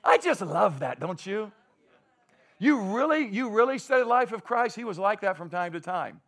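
A man preaching a sermon, telling a story in a conversational, mocking way, shouting at the peaks and dropping to quiet asides, often laughing. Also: sits high, sing-song, normal speed.

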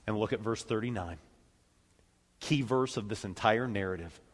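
A man preaching a sermon, reading scripture with dramatic commentary and sudden shifts between loud and soft. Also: on the low side, normal speed, husky. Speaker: pastor. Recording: long reverb of a large hall.

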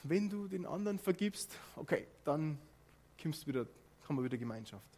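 A calm, matter-of-fact Jesus, as a man puts him on in a sermon, gently halting a listener and reminding him what is written. The voice sits fairly high for a man and stays plain and conversational. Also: slight background noise. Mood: calm correcting. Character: Jesus gently stopping and correcting a believer.

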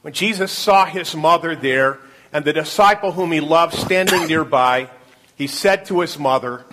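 A man, a pastor, introducing a midweek service and reading scripture in a calm, measured way. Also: a little high.

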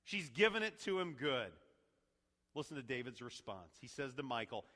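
A man preaching a sermon, dropping to a hush and then rising to loud emphasis, with joking asides to his congregation. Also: mid-range voice, very animated, normal speed. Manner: dynamic preacher, swings from hushed to loud, jokey asides. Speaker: pastor. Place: church sanctuary. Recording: long hall reverb.

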